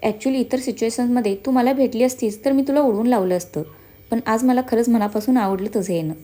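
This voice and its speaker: A woman's voice: a little high, a little fast, warm tone, natural voice. A woman voicing a confident young man who talks in a playful, knowing way in a storybook reading. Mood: teasing.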